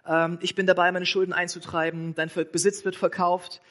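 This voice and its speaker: A man's voice: sits high, flat delivery, a little fast, a bit bright. A preacher voicing a commanding king. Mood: demanding. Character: powerful king, stern then merciful.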